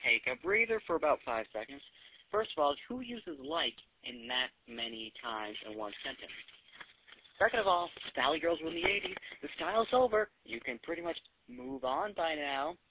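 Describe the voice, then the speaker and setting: A man's voice: fairly high pitch, sing-song, moderate pace, noisy background. Sarcastic young man on a tinny line. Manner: sarcastic, rambling, mocking. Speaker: amateur comedian. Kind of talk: stand-up style comedy monologue. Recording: tinny phone-like lo-fi recording.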